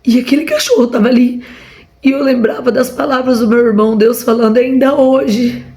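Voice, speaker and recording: A woman's voice: a little high, steady tone, brisk, dark tone. A woman with a Brazilian Portuguese accent giving a fervent testimony from home, repeatedly calling her listeners brothers. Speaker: preacher. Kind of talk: emotional testimony to a congregation.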